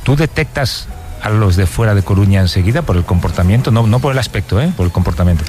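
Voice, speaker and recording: A man with a fairly low voice hosts a relaxed radio chat, tripping over the first words of his sentences and circling back to finish them. Soft music plays faintly underneath. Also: fast talker. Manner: hesitant, repeats words when starting. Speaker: radio host.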